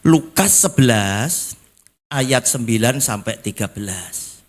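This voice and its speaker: An older man with an East Javanese accent preaching a sermon as pastor, swinging from low quiet lines to sudden high emphatic calls, folksy in manner. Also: expressive, takes it slowly. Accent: East Javanese (Surabaya). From East Java, Indonesia. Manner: folksy, slipping into local Javanese phrases.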